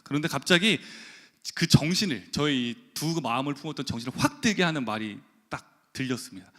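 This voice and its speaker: A man's voice: mid-range voice, fairly bright tone. Man preaching in a reverberant church hall. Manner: storytelling with acted quotes and laughs. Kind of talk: sermon. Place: church sanctuary.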